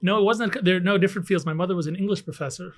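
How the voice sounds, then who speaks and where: Middle-aged guy from canada, kinda high voice, lots of ums and restarts, chatting in an office. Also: racing. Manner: hesitant, many fillers and restarts. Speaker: guest scientist. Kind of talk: conversational interview. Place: office with air conditioning hum.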